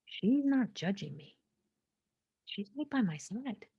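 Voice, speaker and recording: A woman in her forties hosting a podcast, sharing a slow, introspective spiritual monologue that sometimes drops to a hushed whisper. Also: mid-range voice, big pitch swings, breathy edge, dull audio. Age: 40s. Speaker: podcast host.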